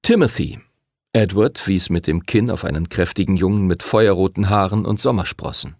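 A man narrating an audiobook in an expressive storytelling manner. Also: sits low, a little fast, creaky, dry recording, clean studio sound.

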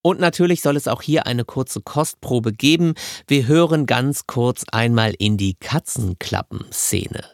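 A man's voice: mid-range voice, lively intonation, a little slow, gravelly, few pauses, dry recording, clean studio sound. A man hosting an audiobook show, giving a chatty, scripted presentation with light amusement. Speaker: podcast host presenting audiobooks.

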